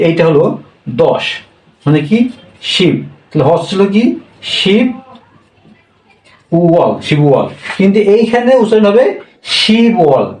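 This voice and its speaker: A man's voice: high-pitched, darkish tone. Echoey, distant male language teacher. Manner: slow, repetitive, checks with "হ্যাঁ?". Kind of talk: classroom language lesson. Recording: echoey room, voice from far off.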